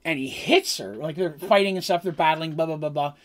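A man's voice: on the high side, a little fast, a bit bright. A man telling how a tabletop game session played out, as its game master, in a rambling way with frequent ums and self-corrections.

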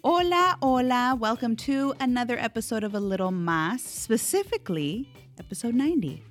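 A woman's voice: fairly high pitch, sing-song, moderate pace, faint music behind. A woman in her thirties co-hosting a podcast, telling a story in casual chat and laughing often. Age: 30s. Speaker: podcast co-host.

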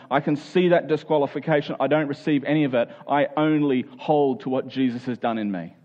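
The recording is lo-fi, capturing a man with a mid-range, darkish voice as he preaches. His sermon features scripture reading and prayer, delivered in an earnest, exhorting style that pounds short phrases through repetition.

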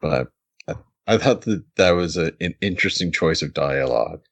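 A man's voice: low voice, animated, moderate pace. A man co-hosting a podcast, chatting casually as he recaps an episode, laughing often and restarting his sentences. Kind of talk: casual chat.

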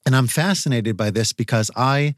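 A man hosting a podcast, asking long questions in a measured, thoughtful way. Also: medium pitch, no echo, studio quality. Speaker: podcast host. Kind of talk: podcast interview.

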